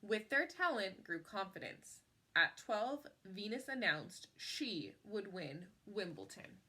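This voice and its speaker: With a medium pitch and a slightly rough edge, a woman reads a picture book aloud in an expressive, storyteller's manner. Her delivery is measured, leaning on the key words.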